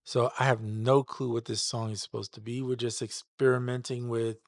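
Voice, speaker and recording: A man's voice: mid-range voice, little pitch movement, moderate pace, gravelly, no echo, studio quality. A man hosting a live stream, chatting casually while he demonstrates a mix. He is easygoing, stumbles over names and repeats them as he works them out.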